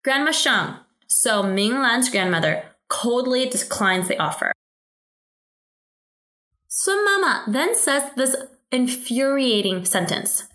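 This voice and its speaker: Woman co-host, casual drama recap, bright forceful voice, roomy echo. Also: a little high, slow pace. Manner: animated, incredulous asides. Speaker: podcast co-host.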